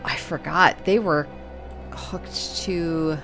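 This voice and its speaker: A woman narrates a tabletop fantasy game as its game master. Her voice sits quite low and she takes her time, leaving deliberate pauses between phrases. Music plays behind her. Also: steady tone, fairly bright tone.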